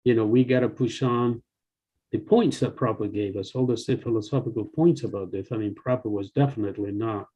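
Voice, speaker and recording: A man in his sixties, born in El Salvador and raised in the US and Canada, talking haltingly with many fillers on a video call. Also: lowish voice, warm tone, breathy edge, rough recording. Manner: hesitant, many fillers and restarts. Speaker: longtime devotee joining the call. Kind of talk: casual discussion on a video call. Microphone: video call computer mic.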